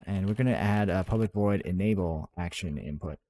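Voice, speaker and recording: His low, mellow voice moves a little fast as he streams game development. Between coding steps he answers chat, rambling casually with lots of fillers and restarts.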